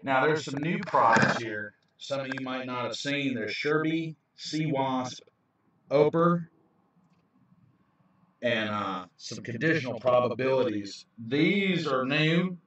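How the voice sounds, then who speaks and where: A man's voice: medium pitch, slow pace, a bit bright, slight background noise. A man who chases storms, explaining weather radar to viewers in an informal video, recorded on a handheld camera. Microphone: handheld camera, away from the mouth. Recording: roomy, dull, distant handheld camera mic.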